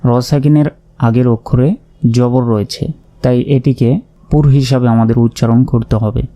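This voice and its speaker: A man's voice: mid-range voice, steady tone, normal speed, dark tone. A man teaching Quran recitation, spelling out Arabic words letter by letter and explaining pronunciation rules patiently and methodically.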